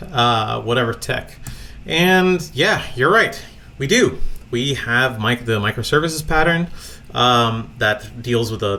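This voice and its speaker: A man's voice: mid-range voice, fairly bright tone, slight background noise. A man from Latvia presenting a recorded conference talk from a home office, speaking casually with many fillers.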